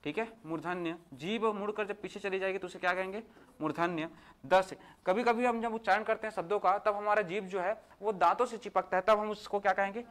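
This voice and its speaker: A man's voice: high voice, steady tone, fairly bright tone. Man drilling letters as a teacher. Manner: asks questions and answers them himself, drilling by repetition; sounds out letters slowly one by one. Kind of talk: exam-prep Hindi grammar lesson.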